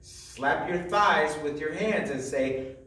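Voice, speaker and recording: A man's voice: on the high side, slow pace, bright, forceful tone, recorded from a distance, slight background noise. A man teaching young children a phonics lesson in a sing-song voice, drawing out each letter sound. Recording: echoey room, voice from the mic.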